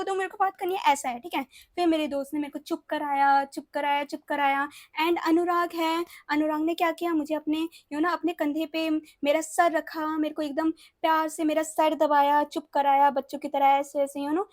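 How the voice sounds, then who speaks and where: A woman's voice: high-pitched, level tone, moderate pace, few pauses, dry recording, studio quality. A young woman in a casual storytime vlog who mixes English phrases into her Hindi, repeats words and keeps checking in with the listener. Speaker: storytime vlogger.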